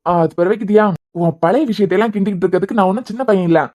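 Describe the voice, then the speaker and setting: A woman voicing a devoted young husband who is a hospital head, speaking in a Kanyakumari Tamil accent, bantering fast and turning stern at times. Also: medium pitch, mellow, muffled recording, close to an everyday voice. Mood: teasing. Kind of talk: cartoon web series voice acting.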